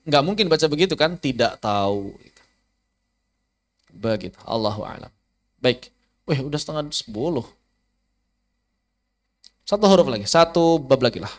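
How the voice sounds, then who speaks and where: A man, teaching a Quran recitation lesson online, asking rhetorical questions and demonstrating letter sounds aloud. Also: a little high. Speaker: ustaz teaching tajwid.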